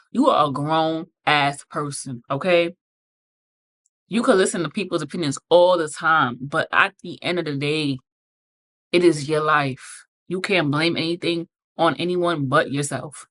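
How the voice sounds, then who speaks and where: A woman's voice: sits low, fairly bright tone. A woman hosting a podcast, giving blunt, profane motivational advice with emphatic repetition and frequent check-ins with the listener. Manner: repeats points with frequent "okay?" check-ins. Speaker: podcast host. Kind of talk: motivational casual talk.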